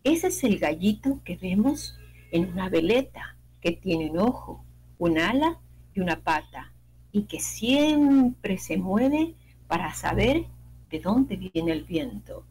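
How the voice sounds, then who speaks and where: A woman's voice: medium pitch, takes it slowly, low-quality recording. Woman storytelling on the radio, playful voices, faint hum behind. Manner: expressive, playful pacing with sound effects.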